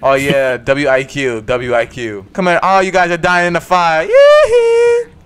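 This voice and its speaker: A young man giving casual, slangy gameplay commentary in a low mumble, with faint music behind. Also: normal speed, fairly bright tone, smooth. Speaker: gaming YouTuber.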